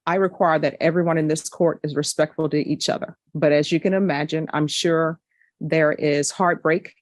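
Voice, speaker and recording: A woman's voice: low-pitched, fairly even intonation, dry recording. A woman judge speaking firmly and directly at a courtroom hearing, addressing defendants. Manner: firm, measured, direct.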